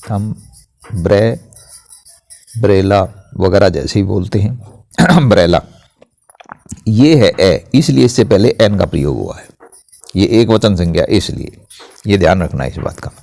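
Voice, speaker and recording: A man's voice: lowish voice, expressive, normal speed, vocal fry, a little mellow. A man teaching English grammar, explaining patiently and spelling words out letter by letter. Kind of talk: blackboard-style grammar lesson.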